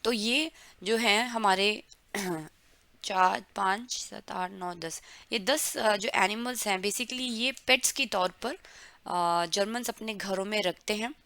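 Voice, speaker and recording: Slow, bright-voiced woman teaching German. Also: mid-range voice, dry recording. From India. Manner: drawn-out, careful word-by-word pronunciation drills. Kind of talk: explaining vocabulary to learners, mixing Hindi and English.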